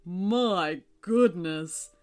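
A woman voicing the moon as an old, kindly man, who speaks gently and slowly. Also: medium pitch, lively intonation, faint music behind. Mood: gentle. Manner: gentle, slow, warm-hearted.

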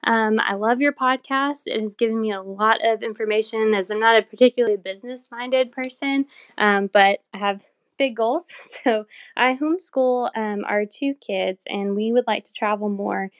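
A woman's voice: on the high side, normal speed. A woman from Tennessee leaving a friendly, slightly hesitant voicemail message for a podcast, played back on the show. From Tennessee, USA. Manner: friendly, a little hesitant with frequent ums. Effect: recorded voicemail message played back on the show. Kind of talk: recorded voice message.

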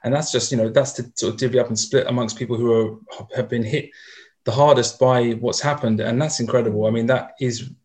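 A man's voice: medium pitch, steady tone, brisk, darkish tone. A man hosting a podcast, asking long winding questions full of fillers. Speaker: podcast host. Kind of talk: podcast interview.

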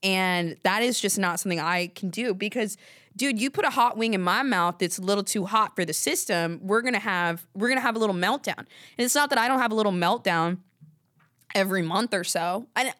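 A woman's voice: medium pitch, fairly quick, a bit bright, no echo, studio quality. A woman hosting a podcast alone, talking in a rambling, candid, casual way and swearing now and then. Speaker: podcast host. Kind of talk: casual solo chat.

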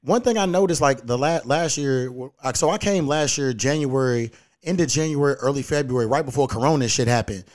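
A man's voice: medium pitch, a little fast. A man in his thirties hosting a podcast in a loose, profane, agreeable way. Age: 30s. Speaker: podcast host. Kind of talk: casual chat.

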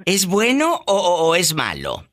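A woman's voice: lowish voice, wildly swooping pitch, measured pace. A middle-aged Mexican woman hosting a call-in radio show, affectionate and teasing, full of exclamations toward her callers.

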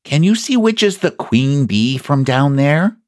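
A man plays a little storybook bear with a slow, deliberate delivery. He is solemn and earnest, a small schemer pitched up from the reader's own voice, with a lilting, swinging melody. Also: big pitch swings, no room sound. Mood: earnest, plotting. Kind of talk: children's storybook character voice.

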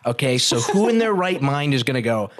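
A man's voice: mid-range voice, sing-song, a little fast, very noisy. A man in his twenties co-hosting a casual podcast chat, slangy and loose, peppering his talk with dude and bro. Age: 20s. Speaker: podcast co-host.

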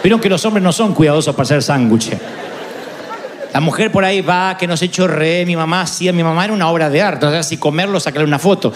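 A man's voice: on the high side, quick pace, a faint crowd, slight background noise. A man preaching with an Argentine accent, telling a funny personal story and playfully acting out the voices in it. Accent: Argentine Spanish. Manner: playful, acts out voices in anecdotes. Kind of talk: humorous storytelling sermon.

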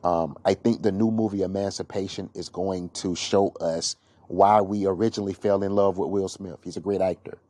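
Low, mellow-voiced man hosting a gossip show. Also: fairly even intonation, normal speed, no echo. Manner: opinionated, rambling with fillers and restarts. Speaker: gossip podcast host. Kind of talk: casual solo commentary.

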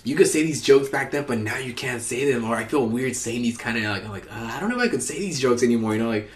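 Co-host, young man, lively swinging pitch, loud casual swearing. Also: fast, over a noisy crowd. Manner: animated, swears a lot, laughs often. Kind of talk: casual podcast chat.

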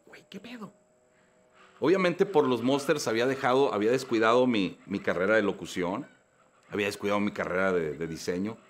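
A man in his forties with a Mexican Spanish accent, a voice-actor guest telling his story in a slangy, animated way. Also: on the low side. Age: 40s. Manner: animated, slangy, acts out dialogues. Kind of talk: casual storytelling interview.

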